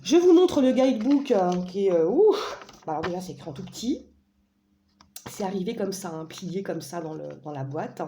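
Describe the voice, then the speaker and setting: Une femme présente un jeu d'oracle en causerie décontractée, joueuse et bavarde, avec beaucoup d'hésitations. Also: female voice, fairly low pitch, big pitch swings, normal speed, mellow, slight background noise. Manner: chatty, playful, frequent fillers and self-corrections. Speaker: vlogger presenting an oracle deck. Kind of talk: casual chat.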